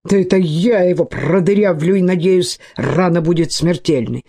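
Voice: medium pitch, moderate pace, dark tone, natural voice. A reader voicing a proud, hot-tempered young aristocrat who speaks curtly and flares up. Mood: heated. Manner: curt, seething, rising to outbursts.

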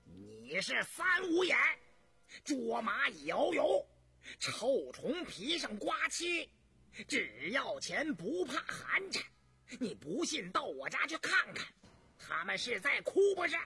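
A man voicing a brash, coarse young male prince who taunts loudly and sneers at his brothers. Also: high-pitched, huge pitch swings, takes it slowly, slightly rough, pitched above the performer's own voice, heavily acted. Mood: furious. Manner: loud, sneering, boisterous.

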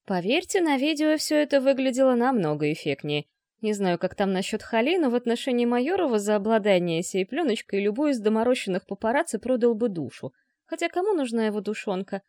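A woman reading a first-person comic novel aloud, lively and playful, lifting her voice for quoted characters. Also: on the high side, no echo, studio quality. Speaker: audiobook narrator.

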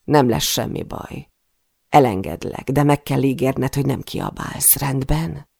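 A reader doing a calm, deep-voiced stern older man. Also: gravelly, breathy edge, no room sound, studio quality. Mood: reassuring. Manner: low, steady and reassuring. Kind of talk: audiobook reading.

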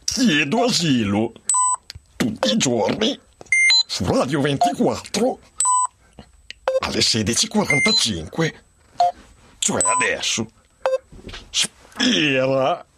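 A man voicing a droning male robot announcer with a flat, mechanical delivery. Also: mid-range voice, slow, pauses often, heavy background noise, heavily acted. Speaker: radio co-host.

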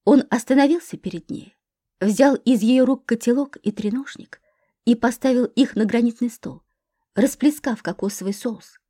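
A woman narrates a dramatic novel in a steady, scripted reading. Her voice sits fairly high with a dark, mellow tone. The sound is dry and close to the mic. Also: normal speed, no echo. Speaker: audiobook narrator.

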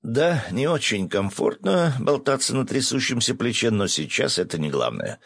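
A man narrating a first-person adventure audiobook, brisk with coarse asides. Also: medium pitch, big pitch swings, vocal fry, fairly bright tone, slightly rough, no room sound, clean studio sound.

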